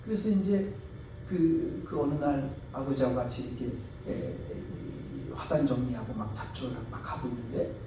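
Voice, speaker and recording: Guy preaching a sermon, loud then soft, very echoey church, mic kinda far. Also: medium pitch, normal speed, background noise. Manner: tells stories, acting out quoted voices; emphatic, swings between loud and soft. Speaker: pastor. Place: church sanctuary.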